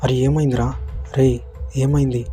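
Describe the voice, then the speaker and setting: A worried old grandmother fusses and scolds in an audio horror story, as a man voices her. Her voice stays flat with little rise or fall. Music plays behind. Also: mid-range voice, moderate pace, natural voice. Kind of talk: scripted horror story narration.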